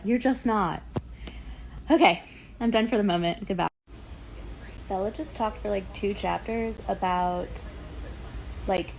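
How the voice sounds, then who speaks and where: A woman's voice: mid-range voice, a little hiss or hum, low-quality recording. Exasperated thirtysomething woman ranting about a book. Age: 30s. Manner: exasperated, animated, sprinkles "like" and swears. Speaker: book vlogger. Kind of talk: casual ranting vlog. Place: at home on her couch.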